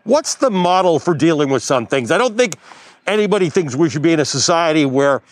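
A man's voice: on the high side, animated, brisk, dry recording. Emphatic male news host, dry sound. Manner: emphatic, persuasive delivery. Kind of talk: news commentary and interview. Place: outdoors near a courthouse.

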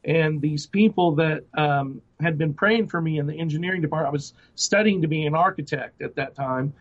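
This interview features a middle-aged guest ministry director sharing his personal testimony, earnest but halting, with many fillers and restarts. His slightly high voice moves fairly quickly. Sound quality is dull and lo-fi.

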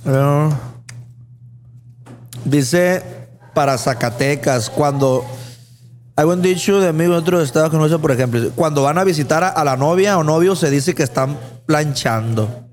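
Slangy Sinaloan man, a bit high-voiced. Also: a little slow. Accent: Sinaloan Mexican Spanish. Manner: relaxed, slangy, keeps asking "sí me explico". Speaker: co-host. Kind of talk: casual chat. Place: restaurant.

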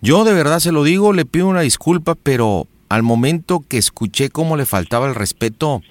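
A man's voice: fairly high pitch, animated, brisk, no echo, natural voice. A man plays a brash young boyfriend on a prank call, mocking and then theatrically formal. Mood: mock-polite. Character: brash young boyfriend turned mock-polite. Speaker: radio prank host.

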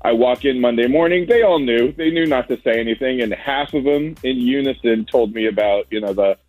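A man's voice: medium pitch, a little fast, darkish tone, faint music behind, rough recording. A young man chatting as a guest on a radio show, friendly and a bit rambling. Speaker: caller, school support staff. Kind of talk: casual chat on air.

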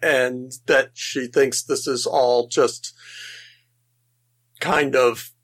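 A man's voice: medium pitch, steady tone, extremely slow, fairly bright tone. A man co-hosting a casual film podcast, enthusiastic, laughing often and restarting his sentences as he talks. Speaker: podcast co-host.

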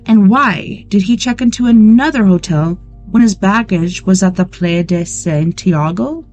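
A woman's voice: medium pitch, a little slow, darkish tone, soft background music. A woman hosting a late-night show, reading a true-crime book aloud and breaking off into blunt, sarcastic asides with swearing. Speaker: weekend show host.

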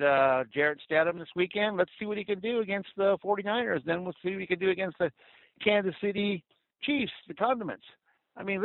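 A man phoning into a radio show, his voice thin and tinny through the line with no room around it. He talks a little above the usual male pitch, blunt and animated, jumping between loud and soft. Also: dry recording. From Southern California. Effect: radio show caller on a phone line. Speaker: caller to a fan show. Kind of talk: phoned-in fan rant. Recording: tinny dry phone line.

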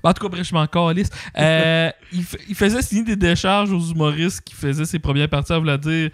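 A man's voice: a little high, a little fast, no echo. A man with a Québécois French accent in casual chat, joking, crude and teasing.

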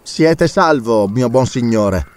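A man's voice: mid-range voice, lively intonation, slow, smooth. A man reading an audiobook, voicing a bold doctor who leads a balloon expedition and gives orders. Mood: calm. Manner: urgent, commanding shouts.

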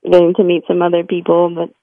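A hungover woman calls in to a radio show, her voice gravelly and full of fry, and she laughs and jokes sarcastically. The line sounds dry and close, with no room at all. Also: fairly low pitch, monotone, fast, no room sound, narrow, tinny audio. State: hungover and nauseated. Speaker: radio caller. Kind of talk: casual phone call-in chat.

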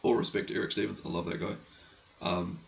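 Rough, croaky and fading, this low-sitting voice belongs to a hockey podcast host taking listener questions, who clears his throat often. He talks quickly in a steady tone, rambling with frank and occasionally crude remarks. The sound is lo-fi.

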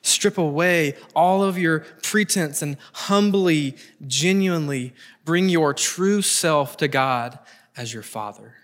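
A middle-aged man delivers a prepared sermon with earnest emphasis, pausing deliberately and repeating phrases to give them weight. His voice leans toward the high side.

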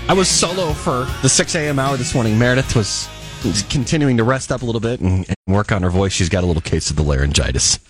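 This is a man co-hosting a morning radio show who jokes around and rambles while telling stories. His pitch sits in the middle and jumps around a lot. A soft music bed runs behind him. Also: expressive, fast talker. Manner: joking, rambling storyteller.

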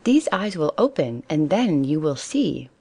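A woman's voice: low-pitched, very animated, unhurried, dark tone, slightly rough, dry recording, exaggerated voice. A woman doing a patient mother rabbit.

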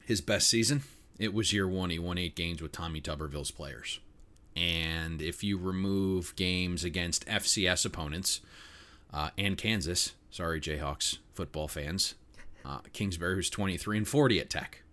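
Deep-voiced opinionated sports podcaster. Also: male voice, moderate pace, bright, forceful tone. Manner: opinionated, rambling with frequent fillers. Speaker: podcast co-host. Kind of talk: casual sports betting talk.

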